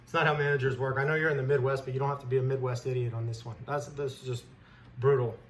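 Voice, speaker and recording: Fast-talking and level in tone, a man with a mid-range voice gives stock commentary as a trader host, ranting bluntly and indignantly without a script in informal terms. Background noise runs under a clear recording.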